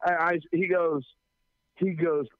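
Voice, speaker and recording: A man tells stories in a slightly high voice, animated and stammering as he starts each thought. The sound is thin and tinny like a phone line, and dry with no room echo. He speaks as a visiting anti-drug school speaker. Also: takes it slowly. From New Jersey. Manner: animated, stammers on starts, acts out others' lines. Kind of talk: casual storytelling chat.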